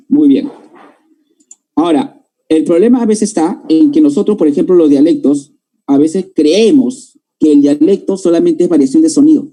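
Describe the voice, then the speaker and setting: A man from Lima, Peru, speaking with a Peruvian Spanish accent, teaches a language class in a lecture, explaining step by step and often asking listeners whether they follow. His voice is a little high with a dark tone, and the audio is poor.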